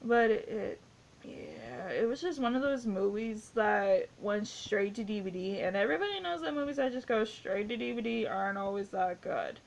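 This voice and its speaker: A woman's voice: mid-range voice, expressive, normal speed, creaky. Woman, 20s, casual film-review vlogger, rambling and enthusiastic, mid-range voice. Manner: rambling, gushing, heavy use of "like". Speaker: movie reviewer. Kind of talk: casual spoken movie review.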